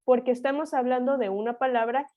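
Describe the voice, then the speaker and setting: A woman's voice: high voice, fairly even intonation, a little fast, narrow, tinny audio. A woman tutor with a Mexican Spanish accent, explaining exam answers in a step-by-step grammar lesson, asking herself rhetorical questions.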